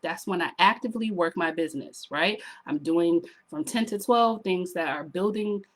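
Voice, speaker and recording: A slightly hoarse woman gives sassy, animated motivational business advice straight to her viewers, often asking them to drop a comment. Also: lowish voice, moderate pace. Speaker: online business coach. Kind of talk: motivational vlog talk to camera.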